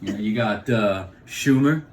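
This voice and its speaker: Jumping from topic to topic, a middle-aged vlogger from New York, thick with the local accent, delivers an animated, rambling comic monologue and drops into impressions. His voice runs low and his pace is measured.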